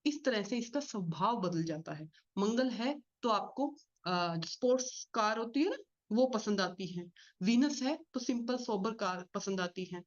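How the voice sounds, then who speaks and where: Fast-talking woman teaching astrology. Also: mid-range voice, lively intonation. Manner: fast-talking, explains with repeated rhetorical questions. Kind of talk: spoken class lecture. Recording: slightly dull lo-fi audio.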